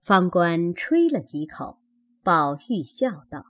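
Slow, breathy woman narrating a classic novel. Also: fairly low pitch, sing-song. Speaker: audiobook reader.

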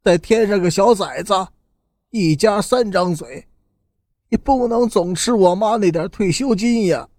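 A man reading a storybook voicing a desperate, self-pitying seventeen-year-old boy in a lowered, husky voice. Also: unhurried, darkish tone, no room sound.

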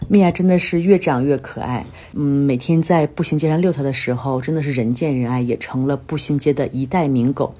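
Low-key husky Chinese woman, chatty storyteller. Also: brisk, hardly any pauses, warm tone. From China. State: tired and under the weather. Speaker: podcast host. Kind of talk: casual solo life-update monologue.

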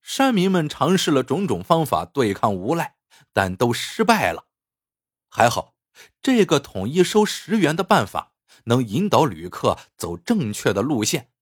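A man narrating a scripted story in an expressive, animated way. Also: mid-range voice, unhurried, breathy edge, no echo, studio quality.

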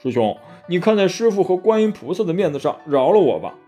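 Male narrator plays a whiny, bumbling pig-monk for a storybook, raised and lively voice. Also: a little high, normal speed, faint music behind. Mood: pleading. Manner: pleading, grumbling.

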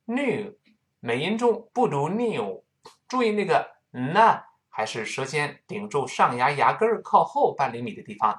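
A man teaching English pronunciation in a recorded lesson, slowly demonstrating sounds and repeating words over and over. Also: mid-range voice, a bit bright.

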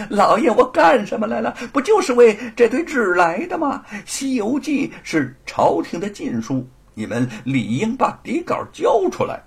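A gloating male villain of an old-style spoken tale, acted by a man. He blusters and cackles, his raspy voice jumping high and wildly up and down. Every threat comes out with sneering relish. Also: wildly swooping pitch, unhurried, a bit bright, exaggerated voice. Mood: triumphant. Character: gloating cruel middle-aged male local tyrant.

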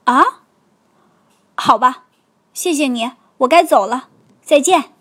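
A woman's voice: sits high, a little slow, slightly rough, full character voice. A woman voicing a brave, indignant young bear boy in a storybook. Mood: wary. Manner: loud, indignant.

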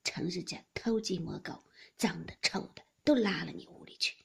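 A woman voicing an elderly grandmother who heads a great household, scolding sharply and lively in a breathy voice. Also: lowish voice, normal speed, heavily acted. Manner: sharp scolding, then teasing. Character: elderly matriarch grandmother, scolding yet doting.

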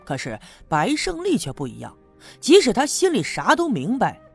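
A man narrating a serialized audiobook in an animated storytelling manner. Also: high-pitched, normal speed, gravelly, husky. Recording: faint background music.

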